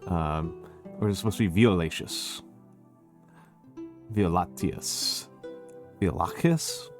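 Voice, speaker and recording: A man with a fairly low voice and a Northeastern American accent hosts a casual livestream over music. He puts on a smooth, measured public-speaker delivery, like a teacher at a podium, while often pausing and repeating himself. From Northeastern United States. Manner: halting, repeats phrases. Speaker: livestream host. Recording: music behind the voice.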